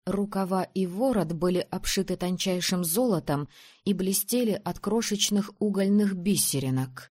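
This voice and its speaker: Woman reading a novel out loud, calm steady first-person narration. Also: medium pitch, moderate pace. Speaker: audiobook narrator.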